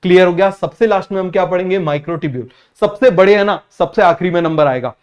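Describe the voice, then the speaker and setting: High-pitched young male biology tutor, drilling students with quick questions. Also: darkish tone, highs cut off. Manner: keeps asking students if it is clear. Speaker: biology teacher. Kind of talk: online exam-prep class.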